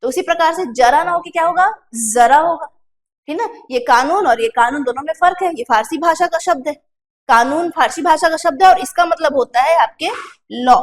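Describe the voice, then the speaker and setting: Woman exam-prep tutor, Chhattisgarh Hindi accent, high voice, patient step-by-step explainer. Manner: explains step by step, asking and answering her own questions; slows to drawn-out pronunciation drills. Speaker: teacher. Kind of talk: exam-prep classroom lesson.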